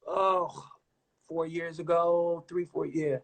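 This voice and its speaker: A man's voice: fairly high pitch, flat delivery, takes it slowly, gravelly, fairly bright tone. Man, live-stream host, easygoing, says brother a lot, phone audio. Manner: laid-back, says man and my brother often. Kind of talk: casual live-stream chat with callers.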